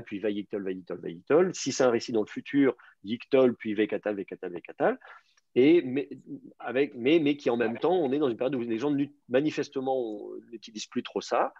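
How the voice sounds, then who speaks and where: A man teaches an advanced Hebrew class online, explaining grammar and word roots with lots of fillers and restarts. His voice is mid-range with a darkish tone, and the sound is dull and lo-fi with no room sound.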